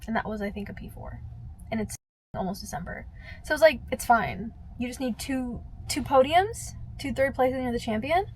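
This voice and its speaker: A young woman vlogging in casual chat, ranting with lots of fillers and swearing, her voice swinging from low mutters to loud outbursts. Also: animated, normal speed, slight background noise, low-quality recording. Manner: heavy filler use, frequent swearing.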